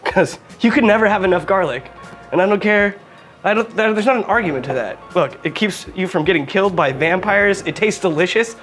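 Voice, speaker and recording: A man's voice: high voice, fairly quick, a bit bright, faint music behind. A man hosting a home cooking video, joking and chatting directly to viewers as he demonstrates. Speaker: cooking show host.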